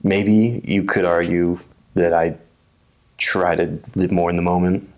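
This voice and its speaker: A man's voice: low-pitched, little pitch movement, a little slow, a little mellow. A young man from the USA talking casually as an interview guest, often restarting and repeating words. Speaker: guest, telemark ski racer.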